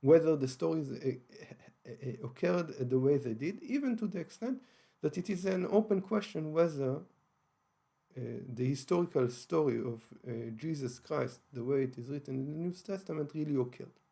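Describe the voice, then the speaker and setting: This Israeli-accented channel host speaks in a fairly high, animated, creaky voice with a dark tone, at a moderate pace. Unscripted, he explains his religious views with care, stopping and restarting frequently.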